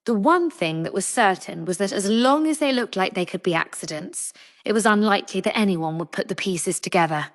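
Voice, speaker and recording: A woman reading a novel aloud as an audiobook narrator, measured and even. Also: mid-range voice, long reverb tail.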